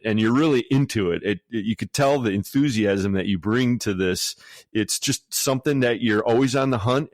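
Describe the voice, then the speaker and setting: A man hosts a casual podcast conversation, his voice sitting a little low. He asks long, loosely strung questions with easy fillers. The sound is dry and close, with no room around it. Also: dry recording. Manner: relaxed, rambling questions with fillers. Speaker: podcast host.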